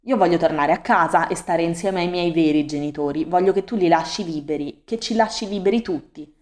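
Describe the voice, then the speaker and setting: A brave young girl who speaks firmly and stands her ground. A woman reads her in a fairly low voice, as part of a storybook audiobook. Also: a little fast, a little mellow, lightly acted. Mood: defiant. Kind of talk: audiobook reading.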